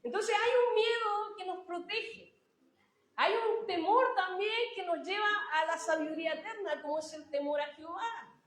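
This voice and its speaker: High-voiced woman preaching in a roomy hall. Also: normal speed. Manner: warm conversational preaching, addressing listeners as brothers, emphatic repetitions. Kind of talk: sermon.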